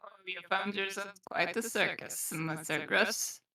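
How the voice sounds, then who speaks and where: A woman's voice: medium pitch, a little slow, bright, forceful tone, reverberant. A woman playing in an online tabletop role-play game, her voice chat audio glitching and cutting in and out.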